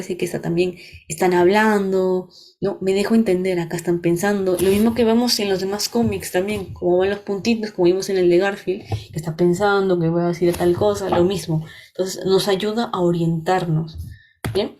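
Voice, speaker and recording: A woman's voice: on the low side, fairly even intonation, normal speed, a little mellow, a little hiss or hum. A young adult woman with a Peruvian Spanish accent, leading a workshop lecture. She explains step by step and often checks that listeners are following. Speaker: workshop instructor.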